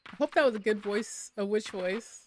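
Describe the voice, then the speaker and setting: A woman's voice: mid-range voice, normal speed, darkish tone, slight background noise, rough recording. Giggly woman streaming a game. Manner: giggly, chatty, talking to herself while playing. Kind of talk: casual gameplay commentary.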